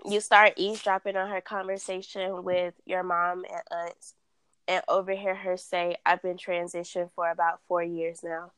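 A woman hosting a casual chat, reading dating scenarios aloud at a slow, deliberate pace and laughing often. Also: fairly low pitch, level tone, fairly bright tone, smooth, no room sound. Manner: reads questions slowly, laughs often.

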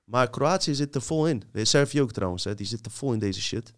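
A man's voice: medium pitch, animated, brisk. A man leading a casual conversation, talkative and steering the topic. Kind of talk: casual chat.

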